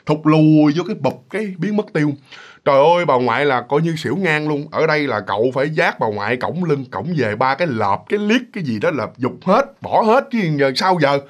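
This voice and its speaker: A man with a Southern Vietnamese accent tells a ghost story casually and with animation, often speaking directly to his listeners. His voice is on the high side and brisk.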